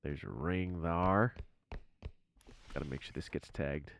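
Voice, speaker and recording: A man's voice: extremely low pitch, takes it slowly, gravelly, slight background noise. A man streaming a game and chatting casually, joking and exclaiming often. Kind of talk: casual gaming stream chat.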